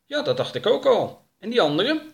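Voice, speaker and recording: A man's voice: high-pitched, wildly swooping pitch, normal speed, creaky, voice pushed up, exaggerated voice. A man voicing an eager, obedient young man in a storybook reading, deferential to his boss.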